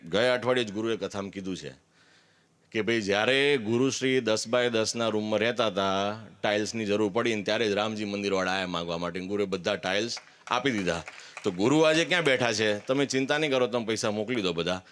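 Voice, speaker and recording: A man's voice: on the low side, fairly quick, a bit bright. A man gives a candid, earnest personal testimony at a religious gathering, with emphatic declarations.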